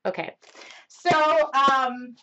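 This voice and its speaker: Woman, slightly high voice, art teacher, live-stream painting demo, rambling, excitable, loud. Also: drawn-out words, muffled recording, slight background noise. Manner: excitable, rambling, talks loudly. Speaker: mixed media art instructor.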